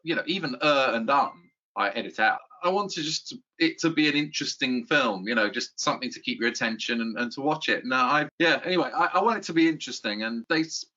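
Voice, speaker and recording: Middle-aged man, bright, forceful voice, rambling self-deprecating chat over a dull lo-fi line. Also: mid-range voice, expressive, fast talker, few pauses. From England. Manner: rambling, self-deprecating, with frequent restarts and chuckles. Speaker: YouTube guide host, interview guest. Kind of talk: casual interview chat.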